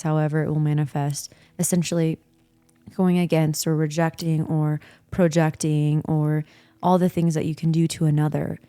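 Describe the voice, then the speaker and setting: A woman's voice: deep voice, dark tone, dry recording. A woman in a casual spiritual chat, speaking in a reflective, searching way with many fillers.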